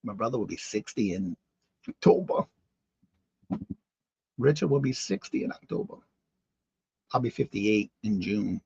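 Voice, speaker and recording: A man's voice: lowish voice, expressive, a little slow, gravelly, pauses often, warm tone, husky, no echo, muffled recording. A man in his fifties hosting a casual live-stream morning show, chatting with viewers by name and exclaiming in disbelief. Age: 50s. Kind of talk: casual live-stream chat reading comments.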